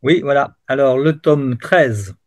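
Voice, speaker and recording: A man's voice: medium pitch, slow pace. Man reading devotional text steadily. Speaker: reader in prayer group. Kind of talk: reading a spiritual text aloud.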